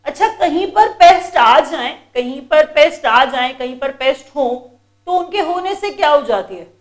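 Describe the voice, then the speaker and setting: A woman's voice: high-pitched, lively intonation, normal speed. A woman teacher runs an exam-prep vocabulary lesson. She drills each word over and over in a patient, repetitive way and calls her students children.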